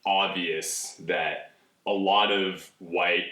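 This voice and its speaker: A man's voice: low voice, fairly even intonation, extremely slow, sharp tone, distant mic. A man in his twenties from California, a guest in a casual interview, laid-back and candid, with many likes. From California, USA. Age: 20s. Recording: roomy, from off the mic.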